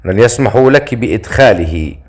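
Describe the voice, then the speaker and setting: A man's voice: on the low side, lively intonation, a little fast. A man doing a wry, teasing young prince. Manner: sighing, wry.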